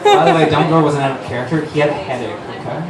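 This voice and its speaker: A loud crowd surrounds a man with a higher-pitched voice as he rattles through a theatrical, overblown comic reading of fan fiction at great speed. The writer-director and actor is on stage at a live fundraiser. Audio is distant, echoey and noisy.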